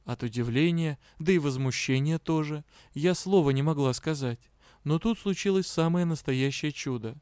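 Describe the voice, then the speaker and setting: A man's voice: on the high side, normal speed, a little mellow, smooth, no room sound, clean studio sound. A man reading a fantasy audiobook as narrator. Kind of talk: scripted narration.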